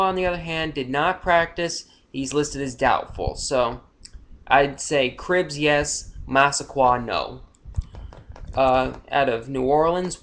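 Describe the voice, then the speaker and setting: A man's voice: medium pitch, a bit bright. A young man giving casual, unscripted fantasy football injury commentary, rambling with frequent fillers and self-corrections.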